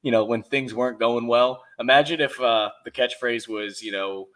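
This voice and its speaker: A man's voice: medium pitch, normal speed. A man with a Boston accent, co-hosting a sports talk show, who tells rambling stories full of restarts. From Boston area. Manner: rambling, animated storyteller with many restarts. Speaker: co-host. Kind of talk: sports radio chat.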